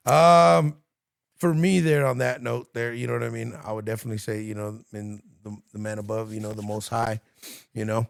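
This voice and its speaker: A man's voice: mid-range voice, steady tone, moderate pace, gravelly, no echo, clean studio sound. A man co-hosting a casual podcast, easygoing and agreeable, full of fillers. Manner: easygoing, agreeing, full of fillers like "you know what I mean". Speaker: podcast co-host. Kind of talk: casual chat.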